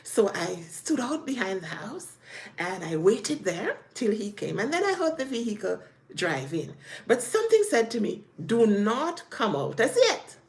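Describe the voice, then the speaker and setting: A woman's voice: mid-range voice, normal speed. A woman sharing a personal testimony in an earnest, faith-filled way, retelling events dramatically. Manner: animated, dramatic retelling with acted quotes.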